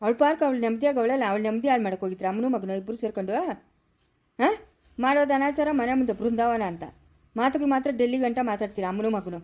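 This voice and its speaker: A woman playing a stern old village father in a family comedy skit, scolding and taunting in rapid rural Kannada with a Chikkaballapura accent. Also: a little high, darkish tone, natural voice.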